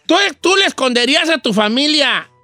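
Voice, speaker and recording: A man hosts a comic radio show, joking in slang and slipping into other people's voices. His voice sits very high and sounds bright. The recording is dry and close. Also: expressive, fairly quick, dry recording, faint music behind.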